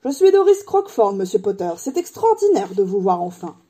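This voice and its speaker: A woman's voice: medium pitch, very animated, moderate pace, dark tone. A woman playing a gushing, eager fan.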